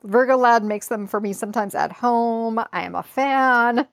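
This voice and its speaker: A woman's voice: a little high, moderate pace, no room sound, studio quality. A woman with a Chicago accent co-hosting a podcast in laid-back, wry casual chat. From Chicago area. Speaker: podcast co-host.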